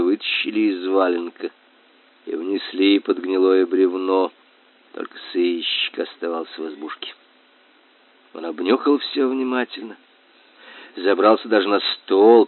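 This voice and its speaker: A man's voice: deep voice, normal speed. Man reading a story over a tinny line. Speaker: narrator. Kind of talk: storybook narration. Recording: tinny dry phone-like sound.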